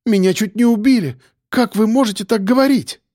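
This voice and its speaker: A man's voice: sits high, moderate pace, warm tone, no echo, clean studio sound, pitched above the performer's own voice. A man voicing a frightened young woman on the run, breathless and pleading. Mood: desperate. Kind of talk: audiobook character voice.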